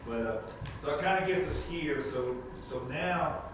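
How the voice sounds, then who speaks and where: A man's voice: on the high side, unhurried. A man teaching a casual Sunday school Bible lesson, rambling with many fillers and restarts. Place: church classroom. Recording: echoey room from a distant mic, noisy.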